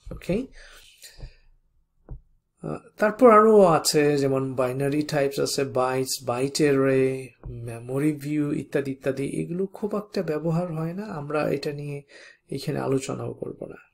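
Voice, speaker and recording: A programming instructor teaching a coding lesson step by step, spelling out code slowly and often checking in with the viewer. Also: medium pitch. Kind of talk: coding tutorial lecture.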